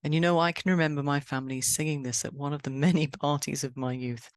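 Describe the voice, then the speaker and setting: A woman from England hosting a poetry podcast, talking in a chatty, brisk, cheerfully emphatic way and interviewing a guest. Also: sits low, fairly even intonation, no room sound. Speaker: podcast host.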